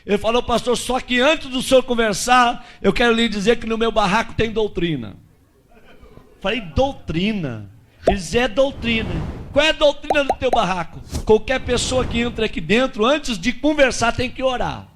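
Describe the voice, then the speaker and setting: A Brazilian man delivers a sermon testimony in a strikingly high voice. He tells the story dramatically, acting out the dialogue and rising to shouts at the big moments. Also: expressive, moderate pace, a little hiss or hum. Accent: Brazilian Portuguese. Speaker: pastor.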